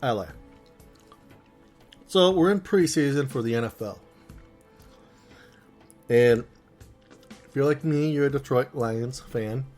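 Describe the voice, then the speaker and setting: A man's voice: mid-range voice, measured pace, pauses often, darkish tone, faint music behind. A male podcast host in casual solo chat, playful and chatty, talking while he eats.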